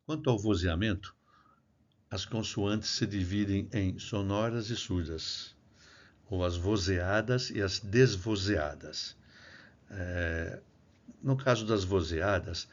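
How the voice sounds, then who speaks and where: A lower-pitched man from Brazil giving a patient lecture over slides. He breaks ideas down step by step and sounds out sample syllables to illustrate them. The recording is dull and lo-fi. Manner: explanatory, demonstrates syllables aloud, frequent "né?" tag. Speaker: music researcher and clarinet teacher.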